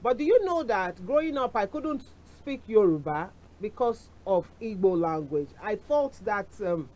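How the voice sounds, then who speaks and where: On a low-quality recording, a TV talk show host chats casually to camera: a middle-aged woman with a Nigerian accent who slips in Yoruba phrases and side comments. She speaks in a mid-range, darkish voice with lively intonation and a measured pace.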